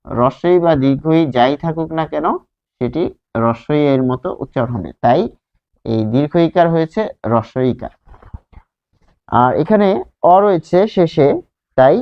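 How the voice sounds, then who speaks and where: A man teaching a grammar lesson with a fairly high voice, working through each point slowly and repeating key words. He keeps asking questions and answering them himself. The recording sounds a little dull and lo-fi. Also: smooth. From Bangladesh.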